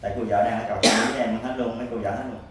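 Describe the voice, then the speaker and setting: A man with a Southern Vietnamese accent answers meekly and haltingly. His replies come quickly, and his voice sits at a middle pitch. He sounds set back from the mic in a strongly echoing room, with a faint hum of noise behind him. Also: fairly even intonation, distant mic. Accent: Southern Vietnamese (Mekong Delta). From Cần Thơ, Vietnam. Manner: deferential, short quiet replies, halting. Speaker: husband seeking his missing wife.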